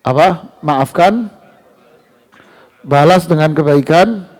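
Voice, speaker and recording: In a mosque, a man delivers an animated sermon, his voice rising loudly on key words and slowing as he recites verses. His pitch is fairly high.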